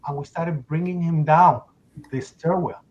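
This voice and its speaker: A man giving emotional first-person testimony in an interview, telling his story urgently and acting out shouts and the words people said. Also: on the high side, a little slow, muffled recording, slight background noise. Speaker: interview guest.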